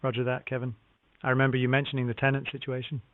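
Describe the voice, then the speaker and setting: A man working as a real estate phone agent speaks very fast in a completely flat, medium-pitched voice with no room sound. He's polite and scripted like a sales call, using formulaic acknowledgements, over a narrow, tinny phone line.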